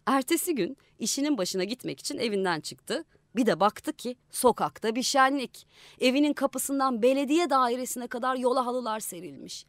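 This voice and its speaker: A woman reading a literary short story aloud in a radio studio, acting out the characters with changes of pitch and loudness. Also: expressive, normal speed, dry recording. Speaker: audiobook narrator. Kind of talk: scripted literary narration.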